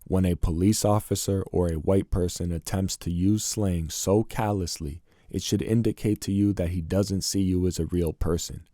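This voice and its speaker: A man narrating scripted commentary in an indignant, deliberate tone. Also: low-pitched, steady tone, warm tone, no room sound, clean studio sound.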